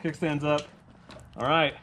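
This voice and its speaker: A man's voice: fairly high pitch, level tone, a little slow, heavy background noise. A man hosting a motorcycle vlog, chatting casually to camera in a playful, self-deprecating way.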